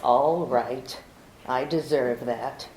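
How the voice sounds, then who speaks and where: A woman's voice: rumbling low, drawn-out words, a little mellow, slight background noise, exaggerated voice. A woman playing a scheming young woman who pleads melodramatically for protection, in 1940s radio drama style, in a roomy recording. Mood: guarded.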